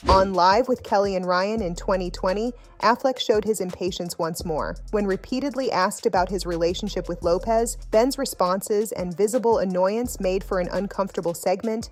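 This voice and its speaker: Low-pitched woman narrating over music. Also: darkish tone. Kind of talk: scripted narration. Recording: background music under the voice.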